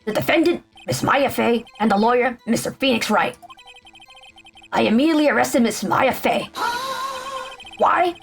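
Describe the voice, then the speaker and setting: A woman's voice: on the high side, normal speed, creaky, long pauses, faint music behind. A woman voicing a bumbling male police detective in a game, answering in clipped, soldier-like replies. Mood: dutiful.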